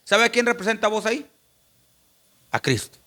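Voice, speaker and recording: A man's voice: sits high, animated, moderate pace, pushed and bright. A man preaching a sermon as a pastor, with emphatic repetition and constant direct appeals to the congregation.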